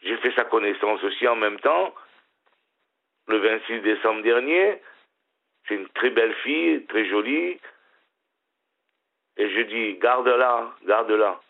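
A man's voice: on the low side, animated, measured pace, vocal fry, pauses often. Middle-aged male caller, smiling, stop-start delivery; thin phone-line audio. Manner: hesitant, repeats and restarts words. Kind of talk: casual phone-in chat. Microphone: telephone.

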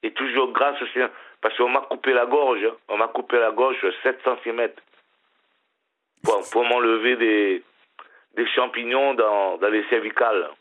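A middle-aged man calling in to a radio show, talking haltingly with a smile in his voice and repeating his words. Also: mid-range voice, steady tone. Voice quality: smiling voice. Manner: hesitant, repeats and restarts words. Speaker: caller. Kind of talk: casual phone-in chat. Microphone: telephone. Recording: tinny phone line.

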